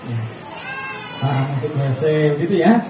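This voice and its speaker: A man giving a casual religious talk to parents, chatty and quick to chuckle, often asking the audience questions. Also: medium pitch, sing-song, a crowd in the background. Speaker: preacher addressing parents. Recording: echoey, distant, dull, noisy room recording.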